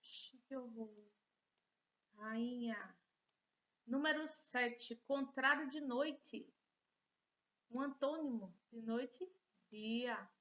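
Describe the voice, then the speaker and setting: A woman's voice: sits high, takes it slowly, pushed and bright, lo-fi sound. A woman teacher with a Brazilian Portuguese accent, giving a patient, encouraging lesson and joking about her own handwriting. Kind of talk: recorded remote class lesson.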